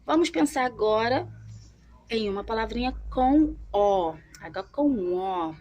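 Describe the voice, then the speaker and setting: A young woman teaching a children's literacy lesson, drawing as she talks and slowly sounding out syllables, often checking in with the listener. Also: a little high, expressive, a little mellow. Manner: checks in often with tag questions.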